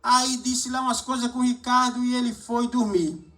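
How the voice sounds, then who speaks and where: A man's voice: very high-pitched, steady tone, a little fast, fairly bright tone. A man preaching a sermon, exhorting the congregation and calling for amens. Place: church service hall.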